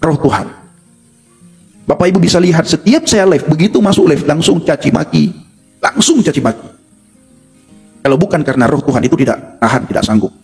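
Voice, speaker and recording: A man's voice: a little high, lively intonation, brisk, long pauses, a little mellow, faint music behind. A man giving a testimony sermon, speaking emphatically to his listeners and acting out quoted dialogue. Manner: emphatic, addresses listeners as Bapak Ibu; acts out quoted voices in dialogue.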